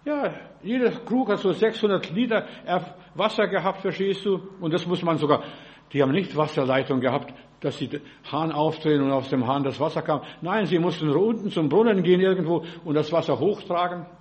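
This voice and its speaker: Give me a male preacher with a fairly high voice, delivering an animated sermon in short phrases. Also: brisk. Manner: lively, animated preaching with dramatic quoted voices; speaks in short broken phrases, often saying "ja" and "verstehst".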